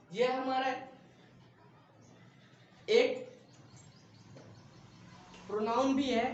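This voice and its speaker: A man's voice: sits high, muffled recording. A male English teacher giving a patient vocabulary lesson, explaining each word with simple examples and short check-ins after every point. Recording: very echoey room, distant mic, faint noise.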